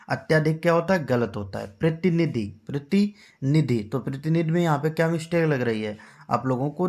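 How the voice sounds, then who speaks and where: A male teacher giving an exam-prep spelling lesson, patiently drilling each word and quizzing his class with rhetorical questions. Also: mid-range voice.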